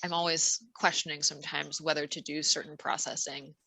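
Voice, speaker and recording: A woman's voice: sits low, level tone, fairly quick, creaky, pushed and bright, slight background noise, low-quality recording. A woman moderating a conference session over a video call, asking polite, hesitant questions.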